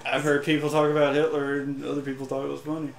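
A man's voice: fairly high pitch, completely flat delivery, fast, vocal fry, echoey room, slight background noise. A man teasing his friend and laughing in casual chat over a racing game. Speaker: co-player.

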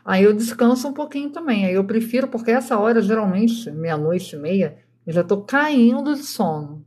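A woman's voice: medium pitch, animated, normal speed, a little mellow. A woman in her thirties with a Brazilian accent, hosting a casual live stream from home at night and chatting with viewers while she crafts. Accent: Brazilian Portuguese. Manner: chatty, addresses viewers directly, keeps voice down for sleeping kids.

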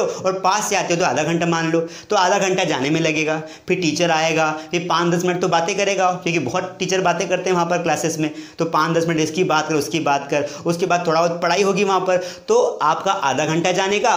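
High-voiced man teaching in an echoey room. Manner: explains step by step, asks questions and answers them; speaks in Hindi, mixing in English words and sentences. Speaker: spoken English teacher. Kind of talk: classroom lesson.

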